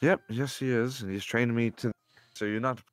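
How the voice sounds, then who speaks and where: A man's voice: low voice, moderate pace, no room sound, faint music behind. A man voicing a cagey teenage farm boy selling crops, haggling in a casual, evasive way. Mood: eager.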